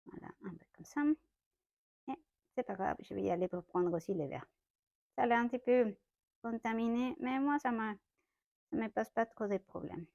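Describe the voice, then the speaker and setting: A woman's voice: mid-range voice, vocal fry, dry recording, dull audio. A young woman from Mexico with a Mexican Spanish accent, speaking French as a second language, giving a chatty watercolor tutorial in her home studio, often correcting herself. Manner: chatty, self-correcting, light laughs. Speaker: watercolor artist. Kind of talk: casual art tutorial.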